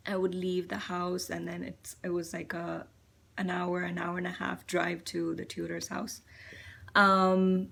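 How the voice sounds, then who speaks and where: A young woman from India shares her thoughts in a loose, reflective vlog monologue. Her voice sits low with a gravelly fry and stays flat in pitch. She talks hesitantly, leaning on plenty of fillers. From Chennai, India. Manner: musing, hesitant, full of fillers. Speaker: vlogger.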